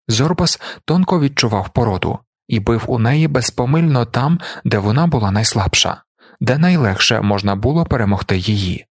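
A man narrating an audiobook in a steady, measured way. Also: on the low side, no echo, studio quality.

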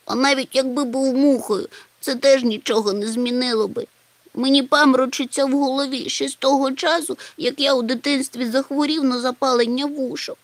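A woman's voice: a little high, expressive, normal speed, hardly any pauses, dry recording, voice pushed up. A woman voicing a small, tearful male creature who whimpers and complains. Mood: whining.

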